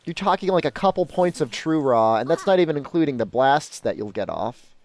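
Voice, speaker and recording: Higher-voiced casual male streamer. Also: sing-song, brisk, a little mellow. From Mexico or of Mexican descent. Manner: laid-back, informal, says "dude". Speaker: live streamer. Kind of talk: casual gaming stream commentary, answering chat.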